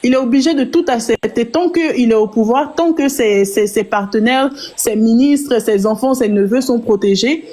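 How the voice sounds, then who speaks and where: A woman's voice: fairly high pitch, moderate pace, few pauses, warm tone. Insistent woman commentator. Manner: insistent, repeats for emphasis. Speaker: guest commentator. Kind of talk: political discussion.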